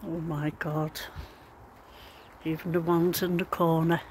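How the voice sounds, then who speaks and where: A man's voice: a little high, level tone, takes it slowly. A man with a Liverpool accent giving a casual, resigned video commentary in a downcast way, on an amateur recording. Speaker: amateur vlogger. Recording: amateur recording with background noise.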